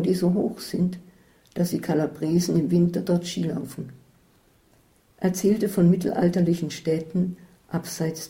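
Low, dark-toned woman reading a story. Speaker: narrator. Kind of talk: audiobook reading.

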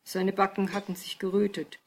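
A woman reads a novel aloud with calm, even narration. Her voice sits at a middle pitch and stays steady between the spoken parts. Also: normal speed, a little hiss or hum. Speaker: audiobook narrator. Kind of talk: scripted narration.

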